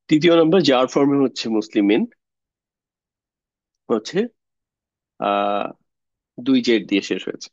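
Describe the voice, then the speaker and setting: A man's voice: mid-range voice, a little mellow, no room sound, muffled recording. A man teaching an online Arabic grammar class, explaining patiently step by step and mixing English words into his speech.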